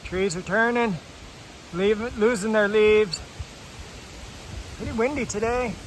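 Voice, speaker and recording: A man chatting casually as he vlogs outdoors on his rural property, relaxed and full of fillers, a bit out of breath. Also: high-pitched, slow pace, slight background noise, rough recording. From Alaska. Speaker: homesteader vlogger. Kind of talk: casual outdoor vlog narration.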